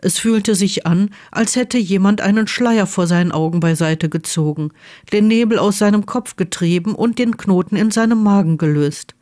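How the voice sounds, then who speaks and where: A woman reading a story aloud in a calm, measured way. Her voice sits at a middle pitch, and the delivery is steady narration. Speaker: fan fiction reader.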